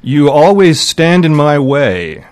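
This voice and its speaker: A man, a guest in a radio studio, talking in a relaxed, rambling way with many fillers. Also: a little high, takes it slowly. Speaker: radio guest, music countdown curator. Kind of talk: casual radio chat.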